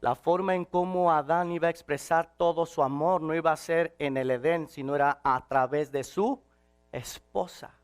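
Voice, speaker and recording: Man preaching with shouted peaks. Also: a little high, fairly even intonation, moderate pace, clear, resonant tone, faint music behind. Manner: swings from shouted to quiet and intimate. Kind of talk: sermon.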